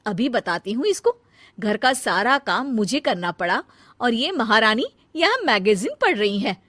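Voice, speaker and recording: A woman voicing a dutiful, sensible elder daughter-in-law in a cartoon family drama, earnest, expressive and chiding. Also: a little high, a little slow, no room sound, exaggerated voice. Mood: indignant, scolding.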